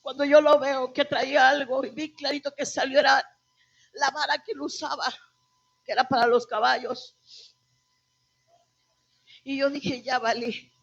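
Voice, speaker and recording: Woman pastor, high voice, emotional testimony, muffled lo-fi sound. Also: flat delivery, measured pace, vocal fry, pauses often, a bit bright. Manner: emotional, addresses the congregation as brothers. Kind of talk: testimony sermon. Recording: dull lo-fi church recording.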